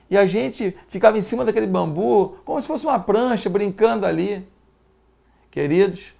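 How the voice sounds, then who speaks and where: A man's voice: sits high, gravelly, darkish tone. A man with a Brazilian accent, a pastor giving an earnest broadcast sermon, emphatic and fatherly, repeating words for stress. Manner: fatherly exhortation.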